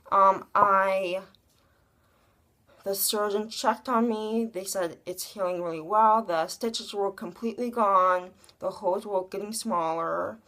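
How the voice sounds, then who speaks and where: A woman's voice: medium pitch, a bit bright. A young woman giving a casual personal update as a vlogger, telling stories in a rambling, conversational way.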